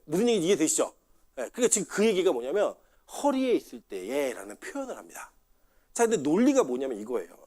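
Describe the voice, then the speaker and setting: Male pastor, middle-aged, conversational sermon delivery, animated pitch, throws questions at the congregation. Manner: conversational, asks the congregation questions and acts out quotes.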